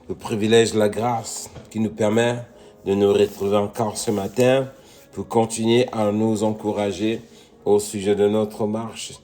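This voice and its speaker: In a warm voice on the low side, a middle-aged man from Congo delivers a sermon, rising to emphatic peaks. He keeps calling his listeners "mes bien-aimés" and repeatedly says "Amen."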